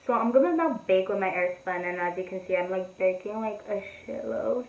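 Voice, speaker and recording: Gravelly teen girl ranting in an echoey room. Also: medium pitch, a little fast, a little mellow, lo-fi sound, slight background noise. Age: teens. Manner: rambling, filler-heavy, profane and blunt. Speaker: beauty vlogger. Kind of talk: casual storytime chat while doing makeup.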